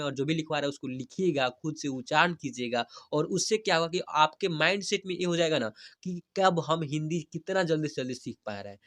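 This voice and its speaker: A man teaching a Hindi reading lesson, spelling each word slowly syllable by syllable and then saying it whole, often checking in with his students. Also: on the high side, a bit bright. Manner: coaxing, checks in with "theek hai?".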